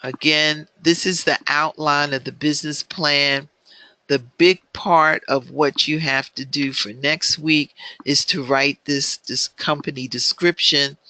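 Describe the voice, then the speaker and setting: Guy teaching an online business class, slow and careful, lots of ums, dry close sound. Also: on the high side, fairly even intonation, bright, forceful tone, no echo. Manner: measured, with frequent filler ums.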